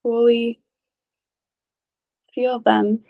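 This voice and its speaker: A meditation teacher leads a guided meditation in a gentle, calm, unhurried way, with long pauses between short phrases. Her voice is a little high and creaky, and the audio sounds narrow and tinny.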